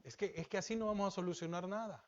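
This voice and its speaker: Salvadoran male pastor, high voice, sermon on a dull lo-fi recording, questions to the pews. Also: fast talker. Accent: Salvadoran Spanish. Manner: preaching with questions to the congregation, rising emphatic then dropping low.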